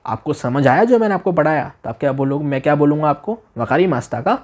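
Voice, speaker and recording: A man's voice: fairly high pitch, lively intonation, a little mellow. Male language teacher, repetitive questioning. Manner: repeats phrases slowly and asks the listener questions; exaggerates tone to demonstrate meaning. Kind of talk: demo class lesson taught in Hindi.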